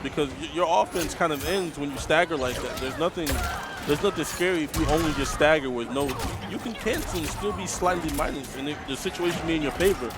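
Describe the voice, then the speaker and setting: A man commentates a fighting game match live. His voice is a little high, and he breaks down tactics in an analytical, conversational manner. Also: fast talker. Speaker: esports commentator.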